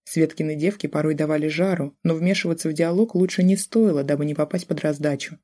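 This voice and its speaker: An audiobook narrator reading a first-person novel in a steady, matter-of-fact way. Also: mid-range voice, quick pace.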